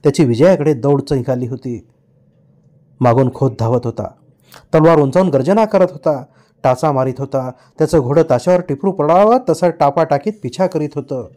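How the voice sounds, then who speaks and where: A man's voice: a little high, moderate pace, mellow. A man reading a novel aloud as an audiobook, narrating with vivid storytelling. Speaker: audiobook reader.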